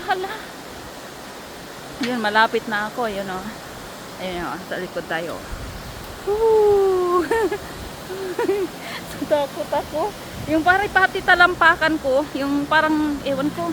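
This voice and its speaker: A woman vlogging by a waterfall on her phone, excitable and giggly, exclaiming often and sounding nervous and shaky. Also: high-pitched, background noise. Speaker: travel vlogger. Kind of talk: casual vlog narration. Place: outdoors by a waterfall. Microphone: handheld phone. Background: rushing waterfall.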